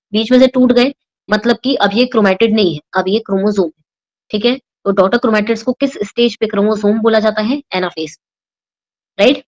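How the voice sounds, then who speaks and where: A woman's voice: mid-range voice, rough recording. A young Indian woman teaching a biology exam-prep lesson, explaining step by step and checking in with her students after each point. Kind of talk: exam-prep lesson, mixing Hindi and English.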